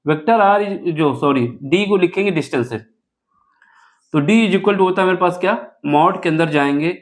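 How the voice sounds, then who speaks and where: A man's voice: sits high, normal speed. A man teaching a board-exam math lesson step by step, asking questions and answering them himself. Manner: asks rhetorical questions and answers them, self-correcting aloud.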